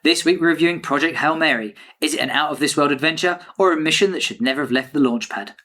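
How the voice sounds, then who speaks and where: A man's voice: a little high, quick pace, pushed and bright. Male podcast host, teasing, jokey, swears freely. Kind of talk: casual podcast banter.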